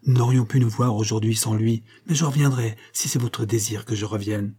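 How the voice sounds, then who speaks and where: A man voicing a shy, gentle young woman who speaks softly and timidly. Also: lowish voice, fairly even intonation, brisk, slightly rough.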